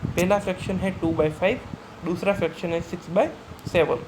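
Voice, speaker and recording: A man teaching a school math lesson, explaining step by step, asking questions and answering them himself, and reading English definitions slowly. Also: high voice, steady tone. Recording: noisy recording.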